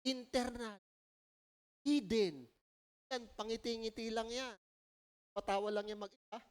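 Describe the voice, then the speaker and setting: Filipino lady preaching in church, high voice, chatty and animated, keeps asking "no?". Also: a little slow. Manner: conversational, animated storytelling, frequent "po" and "no?". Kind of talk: sermon. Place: church service.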